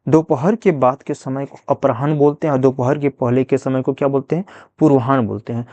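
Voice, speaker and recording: A man's voice: mid-range voice, fairly even intonation, a little fast, darkish tone, no echo, dull audio. A man teaching a Hindi grammar revision lesson, asking questions and then answering them himself, repeating each answer. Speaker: exam prep teacher.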